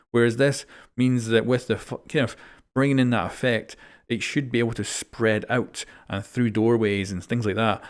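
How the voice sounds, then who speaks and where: A young man with a slightly low voice hosts a casual gaming news rundown. He talks in a chatty, informal way and thinks aloud as he explains each change. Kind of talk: casual game update rundown.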